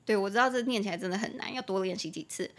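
A woman with a Taiwanese Mandarin accent hosting a solo English-lesson podcast, chatting casually and spelling words out slowly letter by letter. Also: medium pitch. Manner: chatty, opinionated asides. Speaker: podcast host and English teacher.

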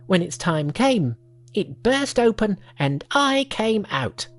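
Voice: medium pitch, big pitch swings, slow pace, voice pushed up. A storyteller voicing an eager, humble male monkey who has come to study immortality, earnest and polite.

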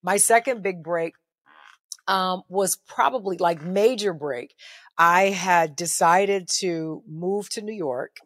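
A middle-aged woman with a deep, bass-heavy voice, a guest telling her story emphatically in an interview. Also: takes it slowly, fairly bright tone, no room sound, clean studio sound. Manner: emphatic, preacher-like delivery with repetition.

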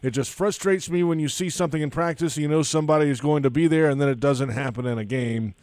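A man's voice: fairly high pitch, quick pace, darkish tone, no room sound, studio quality. A man hosting a sports talk show, moving between discussion and sponsor reads.

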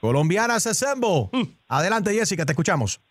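Playful radio host guy, kinda high voice, dry studio sound, jumps into english a lot. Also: big pitch swings, brisk, no echo. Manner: playful, switches between Spanish and English. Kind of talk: lively radio call-in banter.

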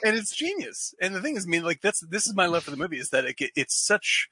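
Male co-host, casual film talk, rambling and profane, bright tone, dry close sound. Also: sits high, very animated, fast talker, breathy edge, no room sound. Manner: rambling, many fillers, swears freely. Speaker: podcast co-host.

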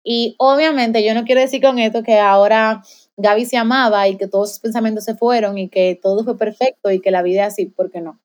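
A woman's voice: fairly high pitch, fairly even intonation, brisk, darkish tone, dull audio. A young woman giving a heartfelt personal faith testimony in conversation, with many fillers and restarts. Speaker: guest sharing a faith testimony.

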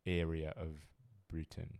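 A man in casual chat, analysing slowly and thoughtfully, searching for words as he goes. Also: very deep voice, completely flat delivery, creaky, a little mellow.

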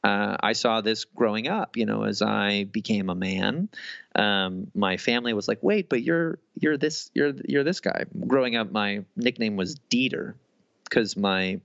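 A man in his thirties talks in a loose, rambling way, often restarting his sentences and filling gaps with fillers. His low voice has a gravelly edge. The sound is dry and a little dull, with a lo-fi quality. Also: unhurried, fairly bright tone, dry recording. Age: 30s. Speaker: guest author. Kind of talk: casual interview conversation.

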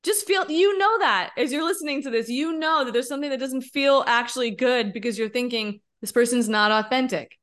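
This is a woman in her thirties who co-hosts a podcast, and her voice sits slightly above the usual range. She speaks in a candid, expressive way, with the odd swear word. She leans hard on her points and keeps asking "right?". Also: high voice, fairly quick, hardly any pauses. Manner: emphatic and expressive, with frequent rhetorical "right?". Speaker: podcast co-host. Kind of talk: casual podcast conversation.

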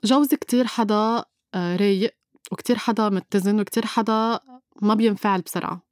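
A woman's voice: medium pitch, steady tone, brisk, a little mellow, no echo, studio quality. A woman with a Lebanese Levantine Arabic accent tells a personal story as an interview guest, emphatically repeating phrases and mixing in English words.

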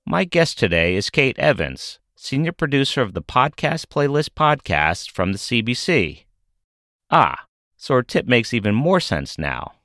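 Lively, low-voiced male podcast host. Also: no echo, studio quality. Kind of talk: scripted podcast narration.

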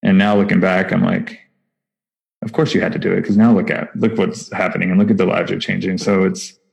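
Gravelly and brisk, with a low pitch and level tone, this man comes through on dull audio. As the founder of a nonprofit and a podcast guest, he speaks in a Texas accent, casually and with enthusiasm, his speech dotted with fillers and restarts.

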